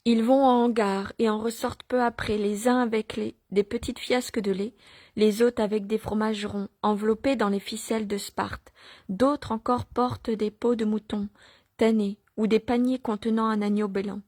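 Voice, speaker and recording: A woman reads a nativity story aloud at a measured, unhurried pace, pausing now and then and restarting a phrase. Her voice sits in a middle pitch. The recording is close and dry. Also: flat delivery, a little mellow, no echo. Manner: measured, with pauses and small restarts. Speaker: reader. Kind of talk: reading aloud a religious nativity text with brief comments.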